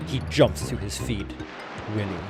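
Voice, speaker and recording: A man narrating screenplay stage directions in a deliberate, theatrical dramatic reading. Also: medium pitch, big pitch swings, soft background music.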